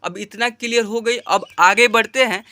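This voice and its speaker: A man teaching a Hindi reading lesson who sounds out each syllable slowly and emphatically, then explains the pronunciation rules in a chatty, repetitive way. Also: sits high, steady tone, bright, forceful tone, no echo.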